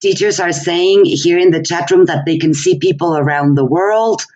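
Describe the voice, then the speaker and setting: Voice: medium pitch, moderate pace, darkish tone. A webinar moderator reading teachers' chat answers aloud as a list of words. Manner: lists chat answers word by word. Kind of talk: reading out audience comments. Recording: dull, lo-fi webinar audio.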